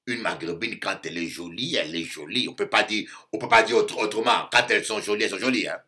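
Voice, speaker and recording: A man from Africa preaching a sermon as a bishop, animated and repeating phrases for emphasis, often acting out other voices. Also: lowish voice, quick pace.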